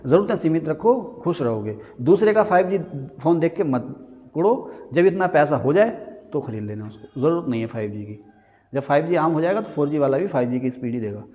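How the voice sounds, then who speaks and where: A man's voice: fairly high pitch, animated, brisk, warm tone. A man teaching an economics class in a classroom, joking and quizzing his students in a conversational way. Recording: hall reverb.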